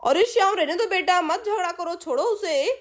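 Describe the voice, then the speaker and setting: A woman voicing a patient, gentle village mother speaking softly to her daughter. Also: very high-pitched, expressive, moderate pace.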